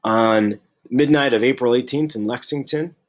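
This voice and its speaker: A man teaching a history lesson, unwell and clearing his throat, halting with many fillers and restarts. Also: medium pitch.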